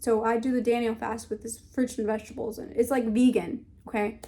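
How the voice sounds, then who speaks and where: A young woman talks straight to her viewers in a loose, unscripted vlog. She rambles, searches aloud for words and restarts her sentences, with a voice that sits a little high for a woman. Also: level tone, a little fast, dark tone. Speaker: vlogger. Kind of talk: casual talk to camera.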